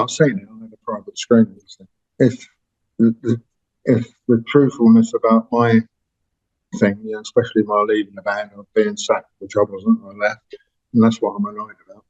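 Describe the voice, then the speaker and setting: A man's voice: on the low side, a little mellow. Rambling man in his sixties, lo-fi. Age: 60s. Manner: rambling, self-correcting storyteller. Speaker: interview guest, musician. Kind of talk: casual anecdotal chat. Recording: dull lo-fi sound.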